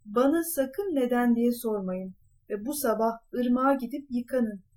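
Clever talking cat in boots, bold, courtly, commanding, bright high voice, as a woman reads it out. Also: measured pace, close to an everyday voice. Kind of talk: storybook reading.

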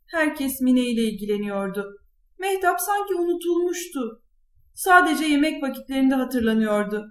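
High-voiced woman reading a children's story. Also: animated, moderate pace. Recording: echoey room.

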